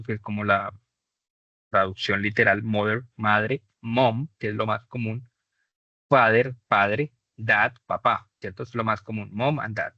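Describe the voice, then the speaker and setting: A man teaching a beginner English class, explaining patiently and slowing down to model English examples. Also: lowish voice, bright, forceful tone, dry recording. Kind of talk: online class lesson. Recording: dull dry lo-fi mic.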